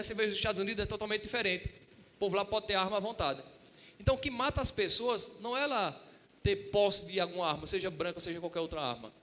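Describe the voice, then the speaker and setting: A man's voice: sits high, long reverb tail, a little hiss or hum. A middle-aged man preaching a storytelling sermon, acting out dialogue and often asking the congregation for an amen. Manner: asks the congregation "Amém?" and "Quem entende?"; lively retelling with acted-out dialogue. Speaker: pastor.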